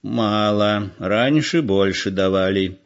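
A man voicing a shrewd, gruff old village man who scolds and probes, on a dull lo-fi recording. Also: on the low side, slow pace. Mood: wry.

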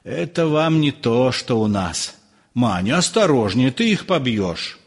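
A man's voice: mid-range voice, very animated, unhurried, slightly rough, in a large hall, heavily acted. A man voicing an eager, naive provincial farm manager who fusses and bosses people around. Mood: fussing. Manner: fussing, bossy.

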